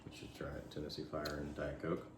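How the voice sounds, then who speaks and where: A man's voice: extremely low pitch, completely flat delivery, brisk. A man chatting casually at home, laid-back, hedging with fillers and laughs. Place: home indoors. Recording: roomy home sound with background noise.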